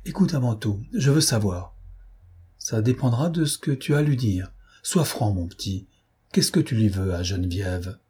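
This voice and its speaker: A man's voice: lowish voice, expressive, normal speed, a little mellow, slightly rough. A man voicing an anxious, fierce old nursemaid in an audiobook, scolding and protective in manner. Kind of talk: audiobook character voice.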